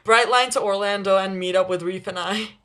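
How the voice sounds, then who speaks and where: A young woman hosting a livestream, chatting casually with viewers, laughing often between quick asides. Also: medium pitch, pushed and bright. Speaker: livestream host reading chat. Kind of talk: casual live chat with viewers.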